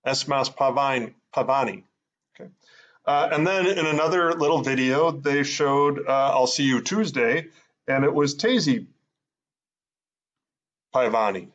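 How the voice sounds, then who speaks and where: A man's voice: medium pitch, expressive, measured pace, pauses often, a bit bright, lo-fi sound. A man teaching in a casual, thinking-aloud way, with many fillers as he sounds out words. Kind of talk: casual explanatory lesson.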